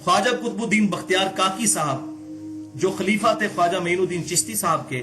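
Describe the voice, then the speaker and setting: A man's voice: high-pitched, a little fast, music in the background. A man giving a religious lecture, arguing with pointed rhetorical questions and sudden emphatic rises.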